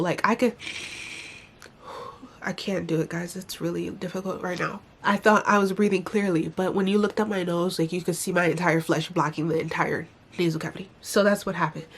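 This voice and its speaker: In a laid-back personal vlog, a young woman with a stuffy, blocked nose grumbles openly and swears a little. Her voice sits fairly low and has a breathy quality.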